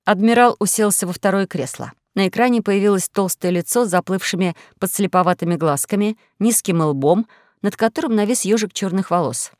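A woman narrating a children's sci-fi story in a measured, even way. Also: medium pitch, no room sound, studio quality. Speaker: audiobook narrator. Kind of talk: scripted narration.

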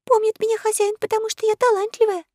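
Zauri, a squeaky trembling young slave girl. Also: level tone, fast talker, dark tone, dry recording, studio quality. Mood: timid. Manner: trembling, breathless.

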